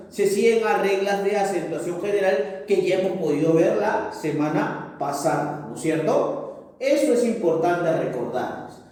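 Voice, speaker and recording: A male teacher giving a grammar lesson, explaining slowly and posing questions to himself that he then answers. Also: high voice, dark tone. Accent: Peruvian Spanish. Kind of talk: recorded classroom lesson. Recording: echoey room, mic far off.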